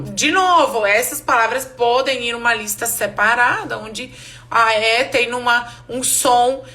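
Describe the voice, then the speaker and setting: A woman teaching an English pronunciation class live online, explaining slowly and repeating each word for her students. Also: a little high, pushed and bright.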